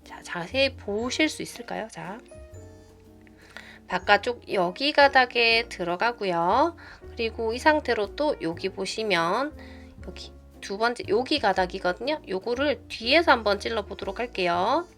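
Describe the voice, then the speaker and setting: A woman with a fairly high voice leads a step-by-step crochet lesson. She speaks patiently and gently, counting stitches out loud as she works. Soft music plays faintly behind her. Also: expressive, a little slow. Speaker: knitting tutorial host. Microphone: phone camera. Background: soft background music.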